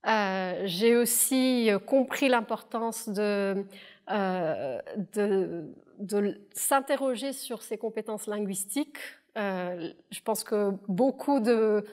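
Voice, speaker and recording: Thoughtful Indian-born woman in her thirties. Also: medium pitch. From southern India. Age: 30s. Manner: thoughtful, hesitant with many pauses and fillers. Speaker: interpreter and alumna. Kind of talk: testimonial interview.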